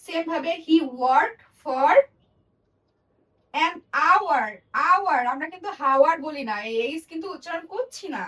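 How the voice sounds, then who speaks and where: High-voiced woman teaching English grammar. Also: far from the mic, poor audio. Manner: explains slowly, repeating example words and sentences. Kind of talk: classroom grammar lesson.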